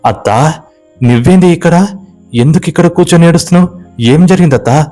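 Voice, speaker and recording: A man's voice: medium pitch, fairly even intonation, brisk, dark tone, faint music behind, natural voice. A man voicing a worried young village man who keeps coaxing a stranger with urgent questions. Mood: alarmed.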